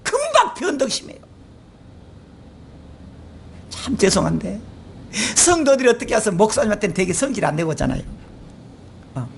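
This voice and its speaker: High, lively Jeolla-accented preacher man. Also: fast talker, gravelly, a little hiss or hum. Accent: Jeolla Korean. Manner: emotional preaching with rhetorical questions, swinging from shouts to soft asides. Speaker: pastor. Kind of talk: sermon. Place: church sanctuary.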